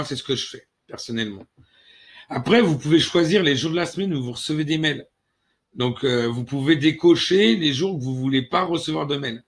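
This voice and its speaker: A man with a slightly high voice hosts a casual screen tutorial. He talks to the viewer directly and often stops to search for a word or restart a phrase. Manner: hesitant, many fillers and restarts, addresses viewer directly. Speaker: channel host.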